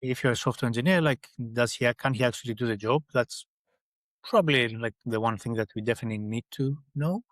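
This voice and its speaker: A man's voice: medium pitch, fairly quick, fairly bright tone, no room sound. A middle-aged man from Greece, a guest in a podcast interview, speaking in a thoughtful way with many restarts. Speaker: guest, engineering leader. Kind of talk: conversational interview.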